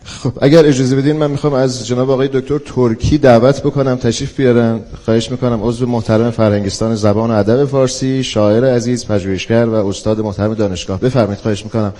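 A man's voice: medium pitch, steady tone, hardly any pauses, warm tone. A man hosting a live event formally, very courteous and deferential as he invites guests. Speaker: event host.

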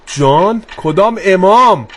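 High-voiced man hosting a live quiz. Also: animated, slight background noise. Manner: brisk, pace swinging from slow to quick. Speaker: quiz show host.

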